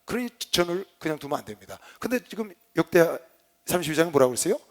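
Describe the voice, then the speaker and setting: A man, a pastor giving a Bible lecture sermon, fervently swinging between loud exhortation and quiet asides. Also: on the high side, sing-song, quick pace. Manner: tells personal stories with laughter.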